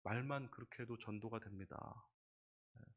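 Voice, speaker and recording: A middle-aged man preaching a sermon as pastor in a church, conversational and lively, often asking the congregation questions. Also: lowish voice, normal speed, dull audio. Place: church sanctuary.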